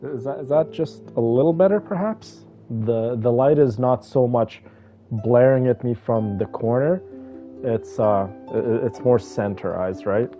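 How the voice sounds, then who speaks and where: Speaking a little slowly in a mid-range voice, a livestream host chats familiarly with his audience, treating them like friends as he reads names and says hello. Music plays behind the dull, lo-fi audio.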